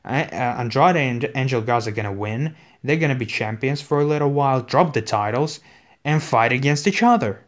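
A man ranting in casual, profane commentary, his voice hoarse and exasperated. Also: mid-range voice, brisk. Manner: profane, exasperated, swears constantly. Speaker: wrestling commentator.

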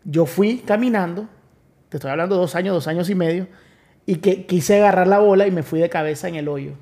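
A man's voice: high voice, a little fast, dark tone. A man, a pastor telling his testimony in earnest, casual conversation with many restarts. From Nicaragua. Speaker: pastor, podcast guest.

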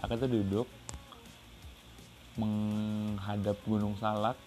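A man's voice: fairly low pitch, level tone, takes it slowly, a little mellow, soft background music. A man from Riau chatting casually about his travels for his podcast, rambling with many fillers and restarts. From Riau, Indonesia. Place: second-floor balcony outdoors.

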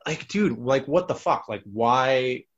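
A man's voice: mid-range voice, lively intonation, slow, muffled recording. A man hosting a casual chat, rambling and swearing, with lots of fillers. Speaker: podcast host.

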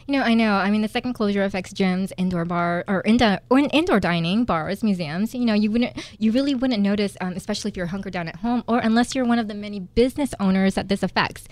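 A middle-aged woman hosting a political talk radio show, chatty and teasing and quick to laugh, in a studio. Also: medium pitch, a little mellow, no room sound. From Filipino family.

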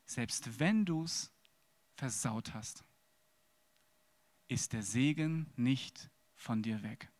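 A man preaching a sermon on stage, with a lively, dramatic delivery that swings from loud to hushed and acts out casual dialogues. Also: medium pitch, very slow, pauses often. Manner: plays out casual dialogues with God.

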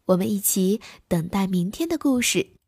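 A woman narrating a children's bedtime story in a gentle, lively way on a close mic. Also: mid-range voice, moderate pace, breathy edge, no room sound.

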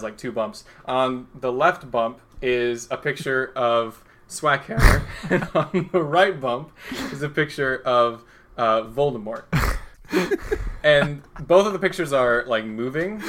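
A man running a tabletop role-play as game master, with a voice of middling pitch. He narrates loosely, full of fillers, pausing to laugh as he goes. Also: a bit bright. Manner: rambling, filler-heavy, laughs often.

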